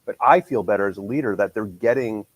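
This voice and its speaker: A man's voice: on the low side, quick pace, no room sound, poor audio. Nasal man hosting a podcast. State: nasal from a cold. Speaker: podcast host. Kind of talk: casual podcast chat.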